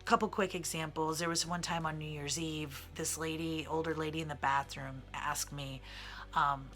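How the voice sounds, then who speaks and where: This thirty-something singer and vlogger, a transgender man from the Midwestern US, speaks in a fairly high, pushed, bright voice that sounds feminine, with flat delivery at normal speed. Over soft background music, he tells candid, digressive personal stories to camera, using many fillers.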